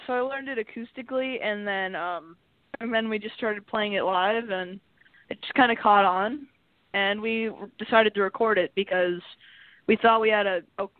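A man's voice: sits high, no echo. A man calling in to a radio show on a crackly cell phone line that fades in and out, talking casually and hesitantly with many fillers. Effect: crackly cell phone line fading in and out. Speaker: band singer calling in.

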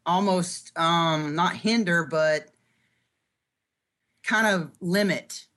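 A middle-aged woman guest on a paranormal podcast, candid and expressive as she tells her stories. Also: on the low side, extremely slow. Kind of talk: casual interview chat.

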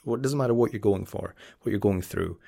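Gravelly-voiced man in his thirties. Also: on the low side, a little fast, warm tone. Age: 30s. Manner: earnest, repeats words as he restarts. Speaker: podcast guest, ASMR YouTuber. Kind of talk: casual interview chat.

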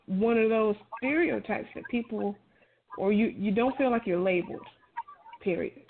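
Over a thin, phone-like line with noticeable noise, a middle-aged woman chats casually and gives advice. Her voice sits at a medium pitch and moves at a normal speed, and her tone is emphatic, encouraging and colloquial.

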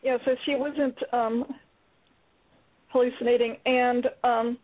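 On a casual radio discussion, a playwright appearing as a guest shares her thoughts on a play, hesitant and full of ums. She speaks slowly with a slightly high, level voice over a dry phone line with no echo.

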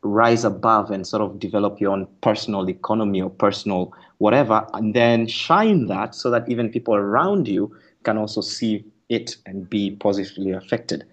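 Speaking at normal speed with few pauses, a lowish-voiced man from Kenya talks as an author guest on a radio interview. He lays out his ideas in a thoughtful manner, using fillers and restarting sentences.

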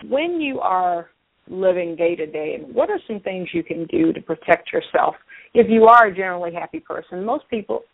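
A woman's voice: on the low side, expressive, moderate pace, dry recording. A woman hosting a radio show in a conversational interview style. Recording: thin, phone-like radio sound.

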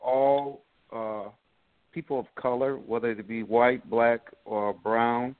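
A middle-aged man calling into a talk show over the phone, speaking haltingly with many pauses. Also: medium pitch, steady tone, no room sound. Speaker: caller. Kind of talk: call-in sports talk. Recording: tinny dry phone line.

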